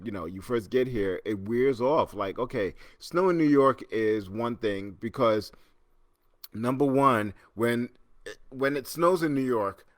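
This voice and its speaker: In studio-quality audio with no room sound, a middle-aged host originally from Trinidad chats casually on a livestream from his home in New York City. His medium-pitched voice moves a little slowly as he rambles, restarts often, uses plenty of fillers and reads viewers' comments aloud as they appear.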